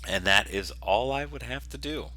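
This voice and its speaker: In this unscripted, screencast-style coding tutorial, a male software developer goes through every step casually and methodically. He speaks at a moderate pace in a mid-range, expressive voice with a pushed, bright quality.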